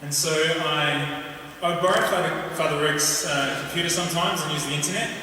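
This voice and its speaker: A man with a broad New Zealand accent giving an informal personal testimony to a gathering, haltingly, repeating phrases as he goes. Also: a little high, sharp tone. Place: large reverberant room before an audience. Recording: very echoey hall, distant mic, faint noise.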